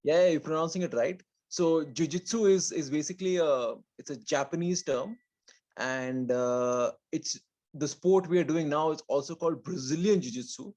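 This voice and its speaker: A man speaks in educated Indian English, with a voice pitched a little higher than most men's. He talks like an interview guest telling his own story, conversational and modest. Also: normal speed, a little mellow. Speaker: podcast guest, martial arts athlete. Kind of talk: interview answers, casual personal storytelling.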